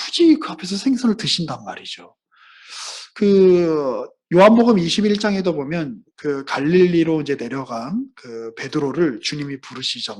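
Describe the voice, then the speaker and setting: A man's voice: on the high side, darkish tone, breathy edge. A man preaching a conversational sermon to a small group in a small room, chatty and playful, often laughing at his own jokes. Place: small room with a few listeners.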